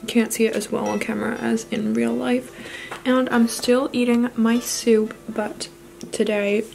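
A woman's voice: fairly high pitch, level tone, a little slow, vocal fry, darkish tone, faint music behind, rough recording. A young woman casually narrating and chatting in a personal vlog. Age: young adult. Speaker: vlogger.

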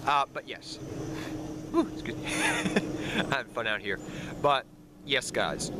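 Out in the snowy woods, a young man whose cold makes him sound nasal chats to camera about card game strategy, wandering off track and fixing his own words while addressing viewers as "guys." He has a mid-range voice. The close built-in camera mic also catches background noise, with cars and planes going by.

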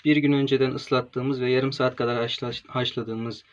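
A young man from Turkey, a gastronomy student, calmly walking through a cooking demonstration step by step, with pauses and fillers. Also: medium pitch. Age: young adult. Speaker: gastronomy student presenting a recipe. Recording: dull lo-fi home recording with faint noise.

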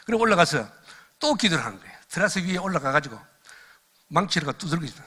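Animated older man telling stories. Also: on the high side, quick pace, slightly rough. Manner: animated storyteller who laughs at his own stories. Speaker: missionary lecturer. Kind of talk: lecture with personal testimony.

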